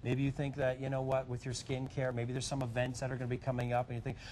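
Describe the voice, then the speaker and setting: A man working as a home shopping host, giving a chatty, encouraging live sales pitch straight to the viewers. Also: completely flat delivery, fast talker, darkish tone, a little hiss or hum.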